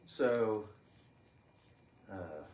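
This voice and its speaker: A low-voiced man thinks aloud in a casual Bible study, often stumbling and restarting as he works out his point. He sits away from the mic in an echoey church room with a faint hiss behind him. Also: lively intonation, drawn-out words, a little mellow, far from the mic.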